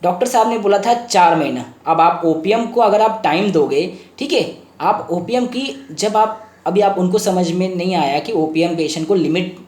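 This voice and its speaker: A man's voice: high voice, moderate pace, a little mellow. A man lectures as a homeopathy doctor, walking through a patient's case. He mixes English terms into his Hindi and circles back to restate each point. The room around him rings with noticeable echo.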